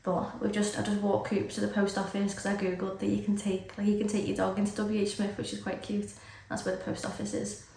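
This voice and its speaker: Speaking in British English, a female vlogger with a cold and sore throat rambles to camera, filling her chat with fillers and leaving few pauses. Her mid-range delivery is brisk and monotone with vocal fry. The mic sits far away in an echoey room, and background noise is loud.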